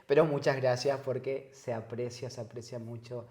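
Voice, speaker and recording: A psychologist from northern Argentina, speaking with an Argentine accent, appears as a guest in a conversational interview. His voice is warm, mid-range and steady at a normal pace, and he talks reflectively, repeating words while searching for phrasing, in an echoey room.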